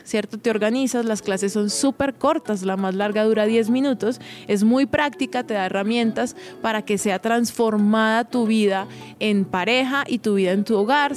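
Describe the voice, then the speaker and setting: Chatty woman hosting an advice podcast. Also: a little high. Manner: conversational, frequent tag questions; encouraging, addresses listener directly. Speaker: podcast host.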